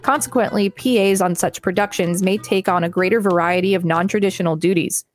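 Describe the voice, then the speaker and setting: As a podcast co-host, a woman reads an encyclopedia article aloud in a mid-range, steady voice at a brisk pace. Faint music plays in the background.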